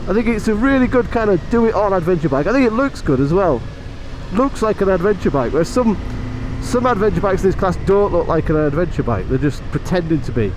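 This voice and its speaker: A man's voice: high-pitched, lively intonation, a little fast. A man chatting off the cuff as he rides a motorbike outdoors, giving a casual review commentary into a helmet mic with wind on it. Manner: off-the-cuff, chatty thinking aloud. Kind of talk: casual motovlog commentary while riding. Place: outdoors, riding a motorbike on mountain roads. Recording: wind and road noise on mic.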